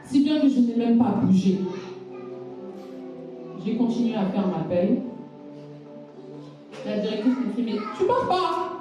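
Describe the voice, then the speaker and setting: A woman's voice: a little high, measured pace, pauses often, lo-fi sound. Woman preaching in an echoey church. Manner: emphatic storytelling with repetitions. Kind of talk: sermon with personal testimony. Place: church hall. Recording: echoey hall from far off, faint music.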